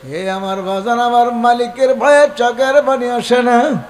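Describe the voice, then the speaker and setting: A man preaching a waz sermon in a very high voice. He tells the story slowly and melodically and stretches the words into sung, wailing lines. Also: fairly even intonation. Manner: storytelling, drawn-out melodic chanting, emotional.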